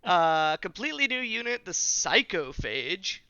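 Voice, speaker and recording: A man hosts a casual podcast, talking with enthusiasm and sprinkling his speech with filler words. His voice is bright and a little high for a man. The recording is dry and slightly dull. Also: sing-song, a little slow, clear, resonant tone, no room sound. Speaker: podcast host. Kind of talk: casual chat.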